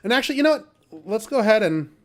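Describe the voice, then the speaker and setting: A high-voiced man talks fast and very animatedly while hosting a casual let's play. He reads the game text aloud and comments loosely, with fillers and the occasional mild swear.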